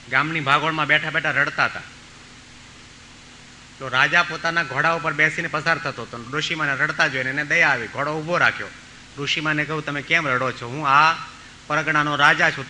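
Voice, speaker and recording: A man's voice: on the high side, steady tone, fairly quick, sharp tone, slight background noise, low-quality recording. A man preaching a storytelling sermon, acting out the voices of the people in his tales. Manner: acts out voices in his stories, pleading and commanding. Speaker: monk preacher.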